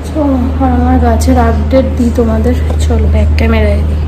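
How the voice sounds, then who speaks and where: With a voice on the high side, fairly even intonation, and a fairly quick pace, an Indian woman with a Bengali accent vlogs her day casually as she does housework in hot weather. The room echoes and background noise is clear.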